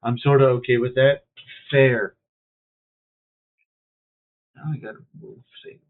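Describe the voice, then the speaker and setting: Slow-talking man through a tinny tin-can mic. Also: mid-range voice, steady tone. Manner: hesitant and musing, with many fillers. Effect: tinny, tin-can-like phone sound. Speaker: streamer commentating a wrestling video game. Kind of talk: casual game commentary.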